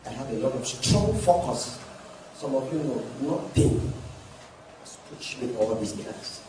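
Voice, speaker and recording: A male pastor preaching a sermon, often rising to shouted emphasis. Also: mid-range voice, lively intonation, measured pace. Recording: echoey hall from far off, faint noise.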